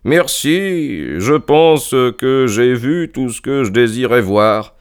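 A man's voice: mid-range voice, expressive, slow, clean tone, pitched above the performer's own voice. A man doing a cool, clipped detective in a read-aloud mystery, commanding and precise. His voice is raised a little above his own and set slightly back from the microphone. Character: sharp, commanding male detective, middle-aged.

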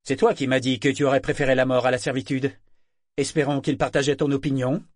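A man's voice: medium pitch, expressive, moderate pace, no echo, clean studio sound, close to an everyday voice. A man doing a cold, commanding pirate captain. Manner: firm, clipped orders.

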